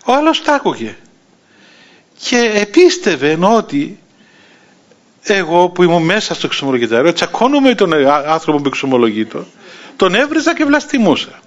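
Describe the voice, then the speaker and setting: A man's voice: high-pitched, pauses often. A man in his sixties with a Cypriot Greek accent, an Orthodox bishop telling a story in a sermon and acting out the voices of the people in it. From Cyprus. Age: 60s. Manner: lively anecdotal telling, acting out quoted voices, chuckling. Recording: dull lo-fi recording.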